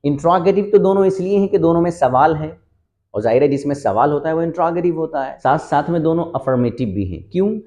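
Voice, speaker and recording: A man teaching an English lesson over slides. His voice sits a little high yet sounds mellow and soft. He explains patiently and repeats each example slowly. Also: expressive.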